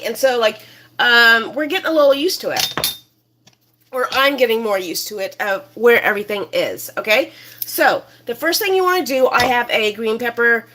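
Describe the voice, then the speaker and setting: A woman's voice: a little high, fairly bright tone, slight background noise. A woman hosting a casual cooking demonstration in her home kitchen, chatty and rambling with many fillers. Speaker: cooking show host.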